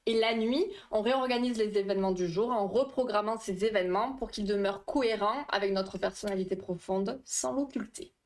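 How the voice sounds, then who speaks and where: A woman's voice: mid-range voice, brisk, few pauses. A woman hosting a casual livestream, explaining dream science with a quiz, chatty and laughing often while reading chat aloud. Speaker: livestream host.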